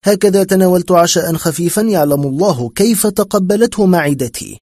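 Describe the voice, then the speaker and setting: A man's voice: on the high side, dark tone, husky, no room sound, clean studio sound. A man narrating a horror story in scripted form, with a tense, dramatic telling.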